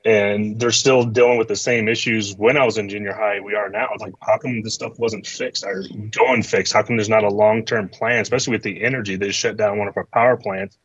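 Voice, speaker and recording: A man's voice: fairly low pitch, fairly even intonation, a little fast, hardly any pauses, fairly bright tone, slightly rough, no echo, dull audio. A man being interviewed as a guest, talking casually with lots of fillers and restarts. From Colorado Springs. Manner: casual, rambling, many fillers. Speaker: guest, mayoral candidate.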